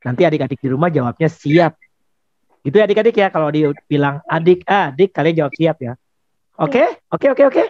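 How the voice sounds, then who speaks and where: A man hosting a lively puppet show for children, playfully coaxing the young audience to answer along. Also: fairly high pitch, a little fast, no echo. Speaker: children's storyteller and ventriloquist. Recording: slightly dull, dry recording.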